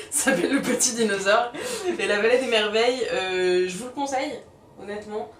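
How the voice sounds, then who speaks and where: Brisk and mid-range, this woman's voice carries over a crowd in the background as she hosts a film review vlog. She explains in a conversational way, combining scripted narration with casual chat. The recording is roomy, with a distant mic and faint music.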